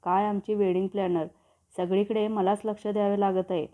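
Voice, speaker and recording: A woman's voice: mid-range voice, flat delivery, moderate pace, natural voice. A woman voicing a fretful, nagging middle-aged mother in a narrated story, over a tinny, phone-like sound. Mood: grumbling. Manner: nagging, teasing.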